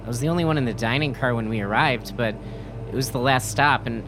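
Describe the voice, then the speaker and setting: A man voicing a bewildered, blunt newcomer in a story reading, speaking in flustered, halting bits. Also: medium pitch, over music, close to an everyday voice. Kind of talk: audiobook character voice.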